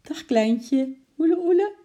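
A reader voicing a doting, short-sighted older woman who keeps a sweetshop, cooing in high baby talk. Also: big pitch swings, normal speed, warm tone, breathy edge.

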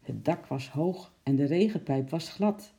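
A reader telling a children's story in a steady, unhurried way. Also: mid-range voice.

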